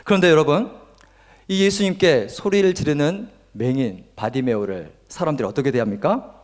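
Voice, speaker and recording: A man's voice: a little high, moderate pace. A male pastor preaching a sermon, retelling a story earnestly and with emphasis. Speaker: guest pastor. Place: church sanctuary. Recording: long reverb of a church hall.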